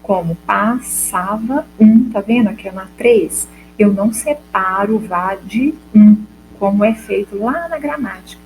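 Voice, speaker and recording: A woman's voice: mid-range voice, normal speed, darkish tone, soft background music, low-quality recording. A Brazilian Portuguese-speaking woman teacher giving a recorded class lesson, explaining step by step and asking the class questions she then answers herself. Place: classroom or home for a school video lesson.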